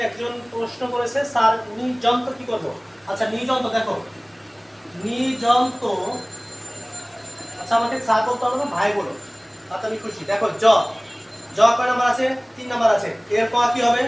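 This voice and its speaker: High-voiced man teaching in an echoey room. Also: fairly even intonation, fairly quick, pauses often, recorded from a distance. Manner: quizzes the class with repeated questions and answers them himself. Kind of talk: live online grammar lesson. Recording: echoey room, away from the mic, faint noise.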